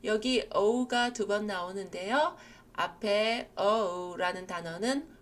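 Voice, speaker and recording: Korean lady teaching english to seniors, real slow and patient, keeps having them repeat after her. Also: mid-range voice. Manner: patient, drawn-out explanations, leads repetition drills. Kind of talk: slow recorded language lesson for seniors.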